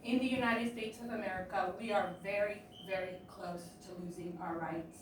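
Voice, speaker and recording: A woman's voice: mid-range voice, fairly even intonation, moderate pace, noisy background. A woman from Romania giving emphatic, at times sarcastic public testimony at a hearing. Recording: echoey hearing room from far off.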